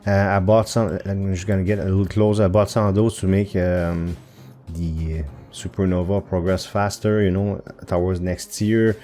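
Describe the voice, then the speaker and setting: A man's voice: low-pitched, flat delivery, moderate pace, mellow, faint music behind. A man hosting his own gaming channel, thinking aloud over gameplay with hesitant fillers and self-corrections. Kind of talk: casual gameplay commentary. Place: home recording setup.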